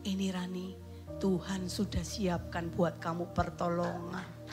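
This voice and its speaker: A woman's voice: lowish voice, level tone, unhurried, over music, pitched below the performer's own voice. Woman doing a chatty church friend. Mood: comforting.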